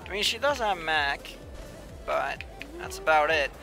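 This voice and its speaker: A young game streamer with a slightly high voice he himself calls whiny chats casually with viewers, reading chat as he plays. He is expressive and a little slow, trailing into mumbled asides to himself, while background music plays clearly behind him.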